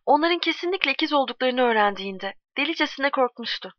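A woman narrating a story in a steady, measured reading voice. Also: high-pitched, dry recording. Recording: dull, dry, lo-fi recording.

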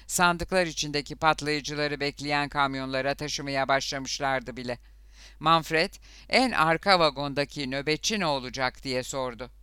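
A man narrating a thriller audiobook in a steady, measured storytelling manner. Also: on the high side, clean tone, dry recording, studio quality. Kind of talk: scripted narration.

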